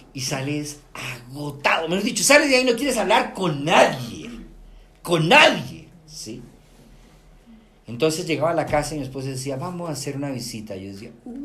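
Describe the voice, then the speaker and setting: A middle-aged Colombian man speaks to a room of listeners, his voice sitting a touch high and swinging widely up and down. He keeps the talk lively and often breaks in with a quick "right?" to check that people are following. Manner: animated, asks rhetorical "¿sí?" checks often. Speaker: lecturer.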